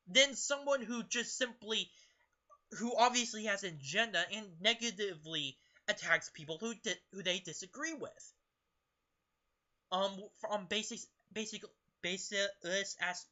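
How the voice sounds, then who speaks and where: Heard through lo-fi sound, this young adult political vlogger has a mid-range voice that's pushed and bright. They read from a book, often tripping over words, and react with forceful, opinionated commentary.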